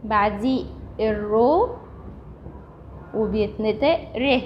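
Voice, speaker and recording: A woman's voice: medium pitch, takes it slowly, a little hiss or hum. A woman with an Egyptian Arabic accent, teaching a recorded language lesson and patiently repeating each point step by step. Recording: dull lo-fi recording.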